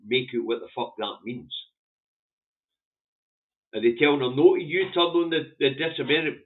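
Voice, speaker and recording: A blunt Scottish man with a mid-range voice and a broad Scottish accent vlogs about the day's newspaper front pages, with Scots as his first language. His commentary is casual and opinionated, delivered in a blunt, sweary, rambling way. The muffled, narrow-band audio sounds like it was recorded over a phone.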